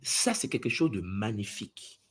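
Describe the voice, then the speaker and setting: Brief: husky male spiritual teacher, lively swooping delivery, mimics others' voices in asides. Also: moderate pace. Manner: swings from booming exclamations to low intimate asides. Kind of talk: impassioned spiritual address to followers.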